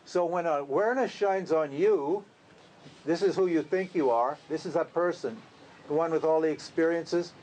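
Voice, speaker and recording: A man's voice: fairly high pitch, moderate pace, a little mellow. A man, a spiritual teacher, giving an informal talk to a group, conversational and full of rhetorical questions. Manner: conversational, rhetorical questions, laughs at his own lines.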